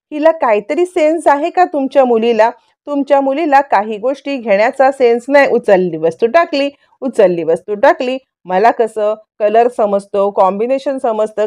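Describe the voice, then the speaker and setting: A woman's voice: sits high, dark tone, close to an everyday voice. A woman doing a bragging, bickering young husband. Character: boastful quarrelsome young husband, man.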